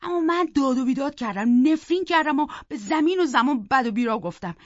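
Woman reading a novel out loud, pretty expressive, voice a bit high, dry muffled sound. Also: dry recording. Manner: expressive, acts out the characters' voices. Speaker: audiobook reader. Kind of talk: scripted narration of a novel. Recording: dull, dry close recording.

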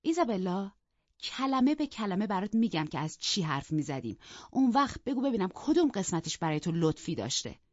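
A woman's voice: medium pitch, very animated, dry recording. Lady doing a proud cutting young woman, mocking tone, audiobook, dry muffled sound. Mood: scornful. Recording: dull, dry lo-fi recording.

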